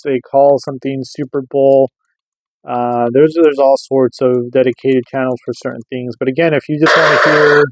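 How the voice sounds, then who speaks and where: A man who hosts a radio gear review channel talks through equipment in a casual, hands-on way, explaining loosely and frequently checking in with listeners rhetorically. His pitch is medium, and the audio is poor but free of echo.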